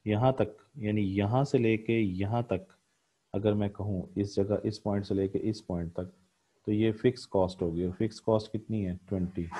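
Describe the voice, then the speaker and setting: A man's voice: on the low side, warm tone, muffled recording. A man giving a recorded economics lecture, explaining a graph step by step with frequent "uh" fillers and repeated pointing words.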